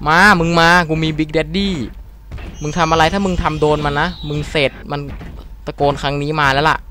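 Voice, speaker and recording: A young man hosting a let's play video, commenting on his gameplay casually, swearing and swinging between startled shouts and low mutters. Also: fairly even intonation, normal speed, a little hiss or hum. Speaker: gaming channel host.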